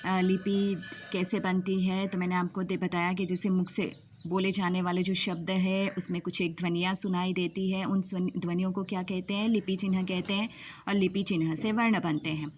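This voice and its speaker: A woman teaching a grammar lesson to students, asking questions and slowly repeating each key definition. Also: on the low side, little pitch movement, darkish tone, a little hiss or hum.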